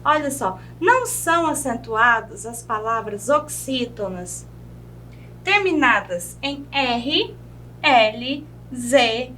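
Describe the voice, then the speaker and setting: Brazilian lady teaching a video lesson, slow n high, keeps asking "right?", faint hum. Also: animated, bright, forceful tone. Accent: Brazilian Portuguese. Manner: slow, drawn-out pronunciation of example words; checks in with "né?" and "certo?".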